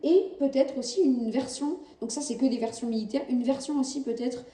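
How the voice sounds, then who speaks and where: Hesitant woman with a very dark voice. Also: high-pitched, a little fast. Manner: hesitant, many fillers and self-corrections. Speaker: gaming channel host. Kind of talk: casual game commentary. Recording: roomy, distant mic, faint background noise.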